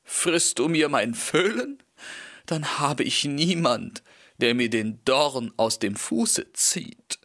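A man voicing a crafty male horse who pleads and flatters, in a raised voice, in a storybook reading. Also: a little high, slow, pitched above the performer's own voice, heavily acted. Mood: pleading.

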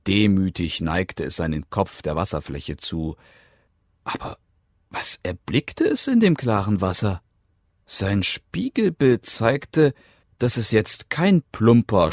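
A man reading a fairy tale aloud, expressive, dropping to hushed tones and lifting again. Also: deep voice, dry recording, clean studio sound. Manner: expressive, swinging between hushed and lifted tones. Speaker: storyteller.

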